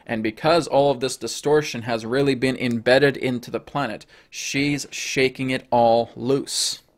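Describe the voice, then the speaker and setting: A man channeling a solemn spirit guide, hoarse. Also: medium pitch, fairly even intonation, lightly acted. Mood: lecturing. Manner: slow emphatic sermon-like cadence, speaks as "we". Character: channeled male spirit guide entity, calm and preachy.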